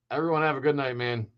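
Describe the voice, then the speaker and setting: A man's voice: mid-range voice, a bit bright, lo-fi sound. A man hosting a live stream, giving heated, sarcastic commentary in a casual way.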